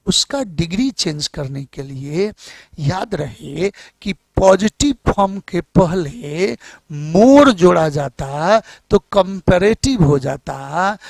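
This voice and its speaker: A man from India with a Bihari Hindi accent, teaching a classroom English grammar lesson and slowly dictating English examples. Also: high voice, no echo.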